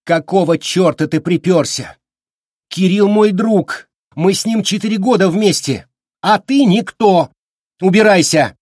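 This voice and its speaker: A man voicing an angry, defiant woman who talks sharply and shouts. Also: a little high, lively intonation, normal speed, no room sound, clean studio sound, pitched above the performer's own voice, close to an everyday voice. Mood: furious.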